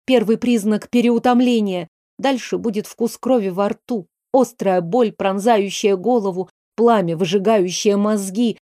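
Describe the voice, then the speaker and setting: A woman narrates a novel in a measured, even storytelling voice. Her tone is warm and mellow, at a middle pitch. The sound is dry and close, with no room echo. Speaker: audiobook narrator. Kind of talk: scripted narration.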